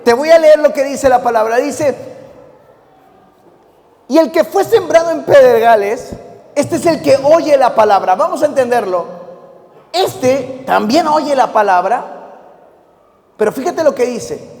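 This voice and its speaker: A man's voice: very high voice, normal speed. A male pastor preaching a sermon, firing questions at the congregation and having them repeat lines back. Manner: lively call-and-response preaching with many questions to the congregation. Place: church hall. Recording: long reverb in a church hall.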